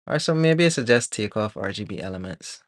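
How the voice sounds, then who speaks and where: A man from Barbados, streaming live as a 3D artist, chatting casually and thinking aloud with many pauses and fillers while he works. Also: on the low side, no room sound, studio quality. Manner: relaxed, rambling, thinks aloud with many ums.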